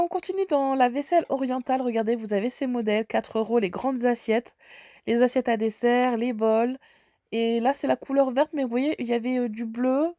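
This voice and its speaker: A woman's voice: fairly high pitch, dark tone, no room sound, clean studio sound. A woman from France with a slight head cold, chatting casually and enthusiastically while walking through a large store. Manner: chatty, enthusiastic, lots of fillers. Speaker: shopping vlogger. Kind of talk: casual shop walkthrough.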